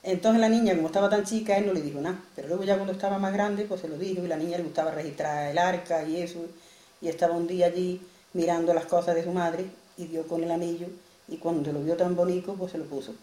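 A woman's voice: on the low side, fairly even intonation, fast talker, mellow. A woman telling a traditional folk tale in a plain, homely way. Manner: plain, homely, repeats "dice". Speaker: storyteller. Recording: roomy echo, faint ambience.

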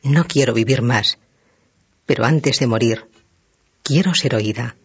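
A man reading the part of a desperate young widow who gravely confesses a crime. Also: medium pitch, a little slow. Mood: grave, despairing. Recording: dull lo-fi recording.

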